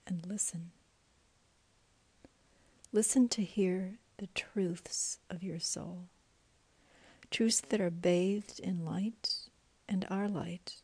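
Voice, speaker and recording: A woman leading a guided meditation in a soft, breathy voice that often drops to a whisper. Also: on the low side.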